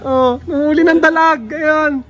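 A man vlogging casually as he walks through a pigeon loft, excited and joking, with frequent exclamations. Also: extremely high pitch, unhurried. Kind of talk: casual walkthrough vlog. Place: outdoor pigeon loft with birds around.

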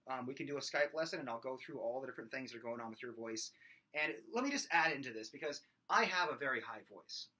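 In a home room, a thirtysomething singing teacher addresses a webcam at desk distance, gesturing freely and demonstrating belted high screams. His small, nasal, somewhat whiny voice comes across pushed, bright and slightly rough, and the recording quality is low.

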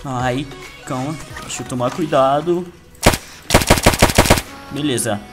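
A gaming YouTuber with a Brazilian Portuguese accent gives playful, boastful gameplay commentary to his viewers at a slow pace and medium pitch. Loud game music and gunfire fill the background.

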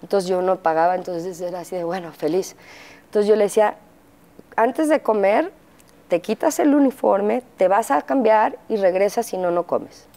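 A middle-aged woman with a Mexican accent telling her story as an interview guest, pausing often with fillers and acting out quotes. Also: medium pitch, mellow. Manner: halting, frequent fillers, acts out quotes. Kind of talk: candid interview testimony.

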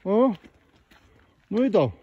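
A man's voice: sits high, sing-song, slightly rough, no room sound, dull audio. A man vlogging casually while hiking outdoors, joking playfully with his companions and a little out of breath. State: slightly out of breath. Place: outdoors on a canyon trail.

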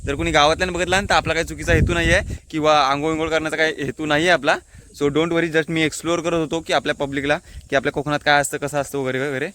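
A little hiss or hum sits under this man's racing, higher voice, which moves little in pitch and sounds a bit bright. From Konkan, he speaks Konkani-accented Marathi, chatting casually into a handheld phone on a hilltop by a water tank while explaining local words to viewers.

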